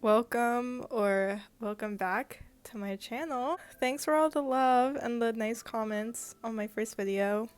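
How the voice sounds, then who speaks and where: A woman's voice: a little high, smooth. A woman in a morning voice, chatting casually as she walks through her comic-making process in a vlog. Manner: chatty, rambling, with frequent fillers. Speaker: comic artist and YouTuber.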